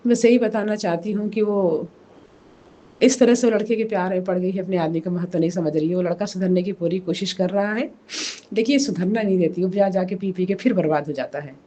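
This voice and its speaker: A hoarse woman giving an emotional personal testimony, speaking slowly and softly in a pleading way. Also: mid-range voice. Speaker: devotee sharing a testimony.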